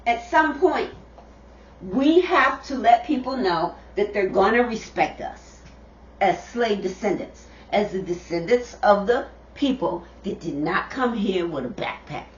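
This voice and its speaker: A middle-aged mother talking casually to her viewers on camera, slow and repetitive, calling them y'all. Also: mid-range voice, animated. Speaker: vlogger, mother. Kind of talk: casual direct-to-camera talk. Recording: dull, roomy, distant camera audio.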